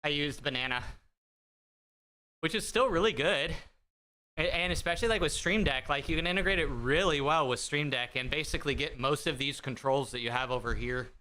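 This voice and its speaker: A livestream host chats casually with viewers in a bright, higher-pitched, brisk voice, rambling and self-deprecating with lots of fillers. He's on a desk streaming mic routed through an audio mixer.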